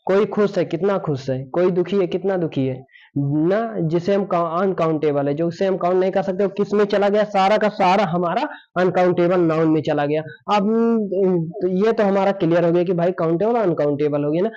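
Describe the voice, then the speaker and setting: A man's voice: sits high, normal speed, darkish tone. A man teaches a grammar class, asking questions aloud and then answering them himself. He repeats his points in a patient classroom manner. The recording sounds dull and lo-fi. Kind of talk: classroom lesson explaining.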